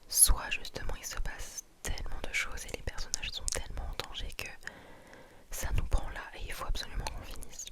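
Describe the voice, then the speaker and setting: A woman speaking in a soft, breathy library whisper, close to the microphone, as in an ASMR book recommendation. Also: moderate pace.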